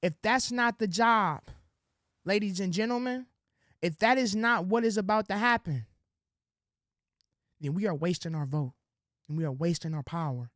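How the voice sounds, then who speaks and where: A high-pitched political commentary host speaks at a moderate pace and pauses often, recorded dry and close. Addressing ladies and gentlemen directly to camera, he preaches in street slang. Acted-out quotes come in a soft, sweet-talking register.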